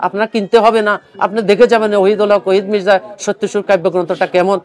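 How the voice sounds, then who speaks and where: A man's voice: sits high, fairly even intonation, fast, a little mellow. An older man, a poet, talking earnestly about his book and then reciting his own poem. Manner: earnest, pleading; mixes English words into speech. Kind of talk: speaking to camera at a book fair; poetry recitation.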